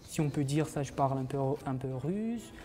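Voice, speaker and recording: This master's student from Uzbekistan, in his twenties, speaks with a mellow, medium-pitched, expressive voice at a moderate pace. Guesting on a morning TV program, he replies in non-native French marked by an Uzbek accent, frequent hesitations and false starts.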